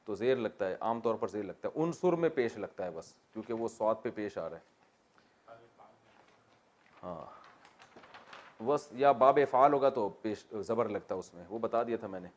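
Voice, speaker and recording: A man's voice: on the low side, animated, pauses often. A man teaching a Quran exegesis class, explaining Arabic grammar and putting questions to his students with joking asides.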